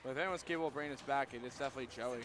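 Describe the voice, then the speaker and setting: A man analyzes fighting game matches live as a color commentator, calm and measured as he explains the players' choices. His voice sits in a middle range, and music plays beneath the broadcast. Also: medium pitch. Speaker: esports co-commentator. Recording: music playing behind.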